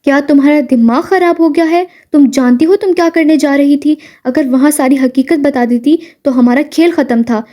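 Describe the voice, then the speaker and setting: A woman voicing a scheming older aunt who scolds loudly. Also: sits high, few pauses, natural voice. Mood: scolding. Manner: shouting, scolding.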